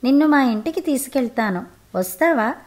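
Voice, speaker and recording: A woman's voice: sits high, animated, normal speed. Woman voicing a simple wild forest hunter. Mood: innocent. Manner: simple, guileless questions. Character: naive wild male forest hunter, gruff.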